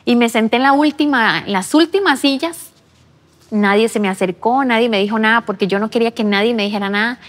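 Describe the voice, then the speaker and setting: Speaking a little high and briskly, a woman from Costa Rica shares her personal faith testimony in an interview at a church. She tells her story earnestly and re-enacts words she once said. A large room gives the recording a long reverb.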